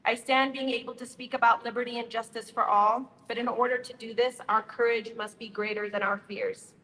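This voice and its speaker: With a fairly high, bright, forceful voice and fairly even intonation, she talks fairly quickly. This young Utah woman, a nonprofit co-founder, gives an upbeat, friendly prepared speech, speaking directly to a community audience in a hall that's reverberant with a faint ambient hum.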